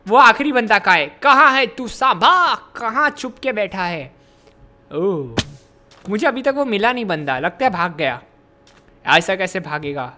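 A man hosting a let's-play, giving excited commentary while yelling taunts and making playful sound effects. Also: sits high. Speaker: gaming channel host. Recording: game audio with background music.

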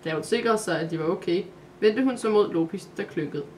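A woman narrating a Christmas calendar story aloud, in a calm, steady way. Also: mid-range voice, slight background noise.

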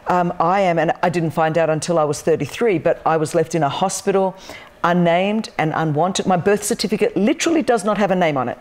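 A woman in her fifties, a guest on a talk show, telling her story with passion and emphasis. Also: lowish voice. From Australia. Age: 50s. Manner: passionate, emphatic, gestures constantly with both hands. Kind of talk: animated testimony on a talk show. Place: large wood-beamed studio loft set.

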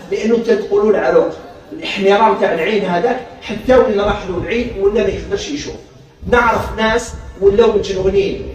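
Fast, high-voiced Algerian man in an echoey room. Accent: Algerian Arabic. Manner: animated, acts out little dialogues. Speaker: counselor. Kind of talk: lively lecture. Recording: very echoey room, mic far off.

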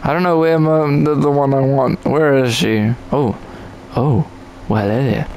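A man's voice: mid-range voice, fairly even intonation, normal speed, a little mellow, a little hiss or hum, low-quality recording. A man giving casual, jokey commentary on his own gameplay, chatting to himself and to other players.

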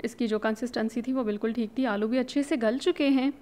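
A woman speaks fast in a slightly high, steady, warm voice as she hosts her own cooking channel. She casually leads viewers through a recipe step by step, chatty and instructive, mixing English words into what she says.

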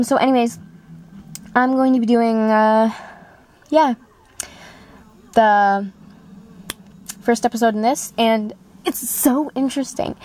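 A woman's voice: a little high, a little mellow. A woman with newly fitted braces, chatting casually and breezily as an amateur voice actor, rambling to camera.

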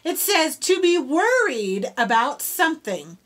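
A woman's voice: high-pitched, a little slow. A woman reading a picture book aloud to children, stopping to explain new words and ask them questions. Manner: animated, asks children questions. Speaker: storybook reader for children. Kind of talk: children's read-aloud with vocabulary teaching.

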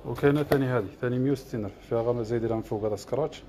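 Algerian man selling shoes, quick patter, mid pitch, clear shop noise behind. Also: mellow. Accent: Algerian Arabic. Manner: rattles off prices and colors in a list. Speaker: shop seller. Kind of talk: product showcase livestream. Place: shoe shop.

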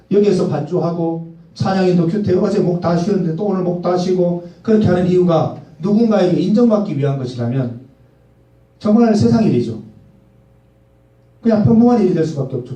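A pastor in his forties preaches to a youth service in a church hall, keeping it conversational by questioning the congregation and acting out quoted lines. His voice sits a little high with a dark tone. The microphone is far away, so the hall sounds echoey.

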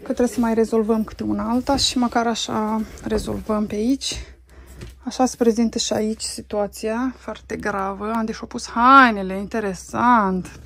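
This clean-with-me vlog comes from a Romanian family vlogger in her thirties, recorded on her phone indoors at home as she chats through chores with frequent pauses and fillers. Her voice is on the high side and fairly bright, with fairly even intonation and some vocal fry.

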